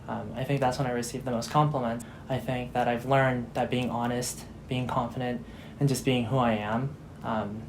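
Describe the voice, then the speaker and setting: A man's voice: mid-range voice, level tone, moderate pace, a little hiss or hum, rough recording. An eighteen-year-old man reflecting thoughtfully in a documentary interview.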